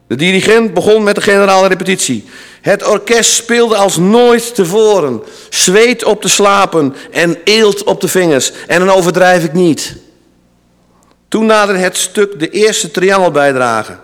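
A man giving a sermon in a church hall, telling a story with dramatic pauses and voicing its characters. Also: high-pitched. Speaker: preacher. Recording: long reverb of a large hall.

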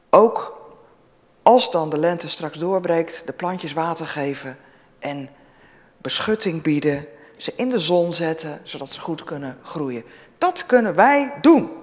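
A preacher introducing and reading a scripture story aloud in a church service, telling it expressively. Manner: expressive storytelling with lively pitch. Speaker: preacher or worship leader. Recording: long church reverb.

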